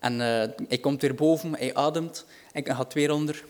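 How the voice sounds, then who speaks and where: A man's voice: a little high, normal speed, a little mellow. A man preaching a sermon, earnest and reassuring, rising in volume for dramatic quotes.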